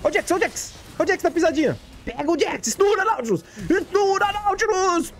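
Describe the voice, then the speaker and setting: A Brazilian gaming streamer gives excited, jokey commentary while he plays, repeating his callouts and shouting at big plays. His voice is extremely high and a little fast.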